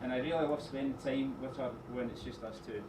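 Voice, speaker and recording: A man's voice: mid-range voice, steady tone, fast talker. Middle-aged man's rambling speech, distant and echoey. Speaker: father of the bride giving a wedding speech. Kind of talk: informal wedding toast speech. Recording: echoey room, distant mic, noisy background.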